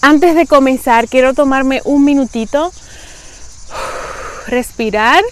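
A woman's voice: sits high, slow, a little hiss or hum. A Dominican woman in her late twenties with a Dominican Spanish accent, sharing earnest, heartfelt reflections in a personal vlog, recorded outdoors in a garden on a lapel mic. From Dominican Republic. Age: 20s. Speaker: vlogger.

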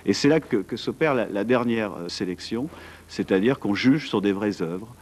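A man in his forties, an art event organizer, sits at a studio desk mic as a guest on a TV interview, chatting about what he organizes with many fillers and restarts. His voice is on the low side and expressive, at a normal speed.

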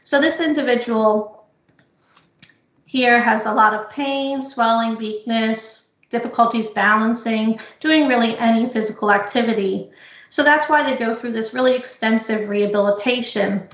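Woman presenter, higher voice, explaining carefully over a muffled, echoey call. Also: steady tone. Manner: explanatory, measured, frequent uh fillers. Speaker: physical therapy researcher presenting. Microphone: computer mic on video call. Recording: echoey lo-fi video call audio.

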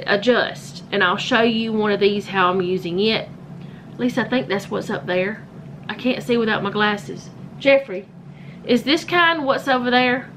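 A woman's voice: mid-range voice, fairly bright tone, slight background noise, rough recording. Chatty woman showing her home. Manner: chatty, rambling, self-correcting. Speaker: home vlogger. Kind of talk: casual show-and-tell vlog. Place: home, indoors.

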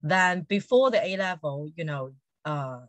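Speaking from home on a video call, this interview guest is a Montessori educator in her forties whose Hong Kong accent colors her casual talk, peppered with "you know." She has a lowish, expressive voice, keeps a measured pace, and the audio carries no room sound.

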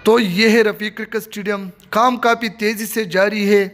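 A man with a high, fairly bright voice narrates a casual walking tour of an outdoor stadium construction site, filming on a handheld phone. He keeps a steady tone and moderate pace, offering repetitive, plain commentary as he films.

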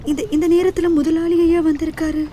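A woman acting a poor, pleading wife and mother in an emotional radio drama, halting and deferential. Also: very high voice, flat delivery, warm tone, a little hiss or hum. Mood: anxious, pleading. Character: anguished poor fisherman's wife, newly widowed mother.

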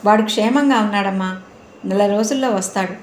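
A woman's voice: medium pitch, fairly quick, close to an everyday voice. A woman reading a storybook voices a kind middle-aged man who speaks in a soothing, reassuring way. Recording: roomy room, faint noise.

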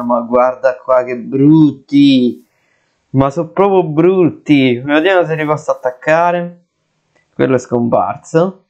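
A young man giving let's play commentary, jittery and often exclaiming and swearing in fright. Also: a little high. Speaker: gaming video creator. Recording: dull lo-fi sound.

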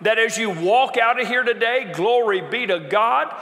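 A male pastor with a high, bright voice preaches in a church, leaning on repeated phrases and rising to a shout. Long reverb from the sanctuary trails his words. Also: normal speed. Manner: emphatic, repetitive preaching cadence, builds to shouting. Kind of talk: sermon.

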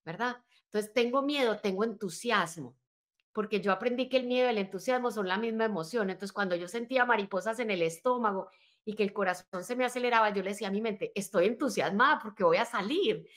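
A woman's voice: mid-range voice, fast. A married woman coach telling her own story in an interview, earnest and motivational, often checking in with "right?". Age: adult, married with children. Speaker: life and business coach, podcast guest. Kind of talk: conversational interview, personal story.

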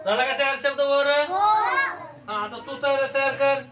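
A woman's voice: sits high, steady tone, normal speed. A woman teaching young children in a school classroom, patiently prompting them with repeated questions. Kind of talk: classroom word-game lesson. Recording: noisy classroom recorded from a distance.

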